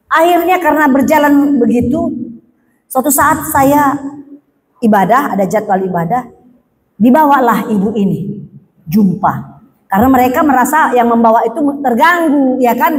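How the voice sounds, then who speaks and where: Woman preacher telling a testimony in a reverberant hall. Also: high-pitched. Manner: acts out dialogue, shifts between hushed and raised voice. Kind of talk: testimony sermon storytelling.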